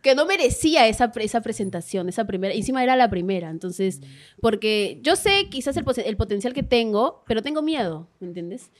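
A young woman telling a story in casual chat, animated and self-mocking, swearing freely. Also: a little high, brisk. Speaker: guest comedian.

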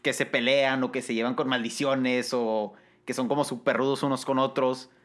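Mexicano charlando, voz brillante. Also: male voice, medium pitch, level tone, moderate pace, fairly bright tone. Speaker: podcast host. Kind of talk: casual chat.

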